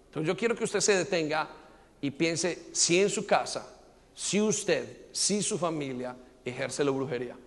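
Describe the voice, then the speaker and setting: A man's voice: high-pitched, long reverb tail. A man preaching a teaching sermon, emphatic, asking listeners to repeat after him and take notes.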